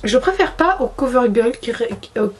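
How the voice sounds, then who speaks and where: On the high side and expressive, a young woman's voice moves at normal speed as she chats about her favorite makeup. This beauty vlogger giggles, teases herself and keeps restarting sentences.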